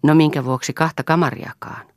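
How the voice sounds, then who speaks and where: A woman's voice: low voice, fairly even intonation, darkish tone, dry recording, studio quality, lightly acted. A woman voicing a good-humored young man who talks in an amused, easygoing way, in a read-aloud story. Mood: teasing.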